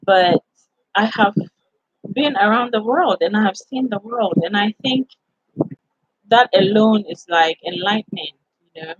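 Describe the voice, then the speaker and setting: A Ghanaian woman hosts a casual live chat, talking straight to her viewers in a loose, inviting way. Her voice has a husky edge. The sound is dry and dull, like lo-fi stream audio. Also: medium pitch, a little slow, long pauses, dry recording. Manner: chatty, warmly inviting, peppered with "like" and "you know".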